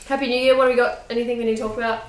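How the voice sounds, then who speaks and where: A woman's voice: a little high, little pitch movement, very fast. A woman co-hosting a casual chat, joking and blunt as she banters. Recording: echoey room, faint background noise.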